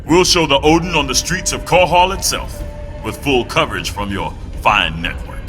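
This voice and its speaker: Guy as game army general on tv, forceful sharp voice, mid pitch, formal n confident, faint music. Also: moderate pace, natural voice. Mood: assured. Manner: formal, assured. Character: confident military general, assured public spokesman.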